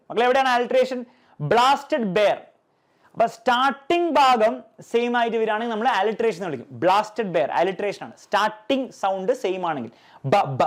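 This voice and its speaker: High-voiced male teacher checking understanding. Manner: keeps checking if pupils understand; asks rhetorical questions and answers them. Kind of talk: exam revision lesson.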